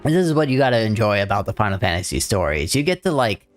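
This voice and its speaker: A man casually commenting on a story game as he streams it, chatty and relaxed. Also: fairly low pitch, fast talker, soft background music. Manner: chatty, relaxed, uses "like" often.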